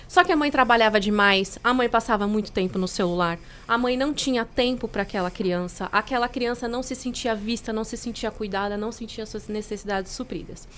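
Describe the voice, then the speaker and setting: A woman's voice: on the high side, a little fast, hardly any pauses, a bit bright, slight background noise. A woman, a podcast guest, explaining patiently with everyday examples.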